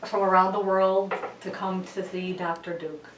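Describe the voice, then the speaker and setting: A woman's voice: mid-range voice, fairly even intonation, moderate pace, noisy background. A woman giving brief, agreeable answers as a patient in a casual testimonial interview. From United States, Chicago area. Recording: distant mic in echoey room.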